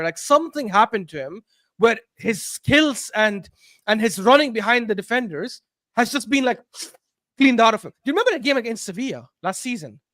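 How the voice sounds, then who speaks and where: A man's voice: high voice, dry recording, studio quality. A young British man co-hosting a casual football podcast, arguing his point emphatically with lots of "like". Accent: British English. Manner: animated, emphatic, argues with repeated "like". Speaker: podcast co-host.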